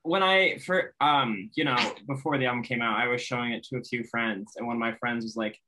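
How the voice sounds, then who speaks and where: A man with a bright, forward voice talks as an interview guest. He speaks softly and reflectively, laughing often between his thoughts. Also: mid-range voice, a little fast, poor audio. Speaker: guest, singer and YouTuber. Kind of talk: casual interview chat.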